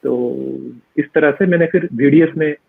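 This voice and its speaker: A man's voice: fairly high pitch, normal speed, husky, no echo. A man, a monk being interviewed, recounting his own story hesitantly, with many fillers and English words mixed in. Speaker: monk guest. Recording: dry tinny phone-like sound.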